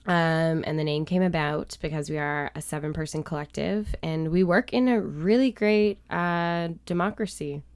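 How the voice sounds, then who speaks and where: Low, gravelly young woman, sarcastic guest. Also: normal speed, hardly any pauses, dry recording, studio quality. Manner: sarcastic, joking. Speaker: podcast guest. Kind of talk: casual chat.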